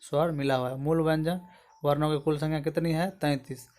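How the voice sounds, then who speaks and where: A man teaching an exam-prep grammar lesson, his voice sitting a little higher than usual. He walks through each point patiently and keeps asking his viewers whether they have understood. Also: fairly even intonation, a little fast, a little mellow. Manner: explains step by step, often asks "समझ गए दोस्तों?".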